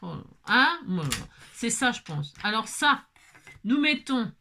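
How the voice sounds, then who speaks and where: A woman's voice: a little high, sing-song, takes it slowly, sharp tone, a little hiss or hum. A woman vlogging casually as she assembles a craft kit, chatting to viewers, exclaiming and muttering to herself when pieces go wrong.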